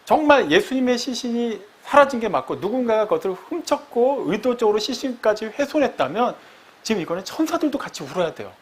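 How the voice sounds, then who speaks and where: A man preaching a sermon as pastor. He explains step by step, asks his listeners questions, and acts out quoted lines. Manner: acts out quoted lines with sharp rises and drops in pitch.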